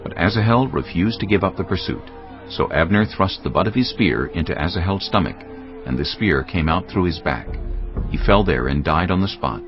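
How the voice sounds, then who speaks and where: In a scripted, dramatized Bible narration, a man reads scripture in a very low, gravelly voice at normal speed. His delivery is animated, with pitch moving expressively through the story, while faint music sits behind a slightly dull recording.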